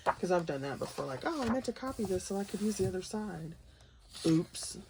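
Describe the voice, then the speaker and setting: Over the pages of a colouring book, a woman chats unscripted with her viewers, rambling in a playful, folksy manner as host of the flip-through. Her voice is on the low side, very animated and brisk, with background noise present.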